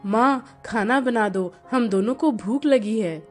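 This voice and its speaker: Woman doing a young husband, stern, scolding, pitched lower than her own voice. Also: slow, faint music behind.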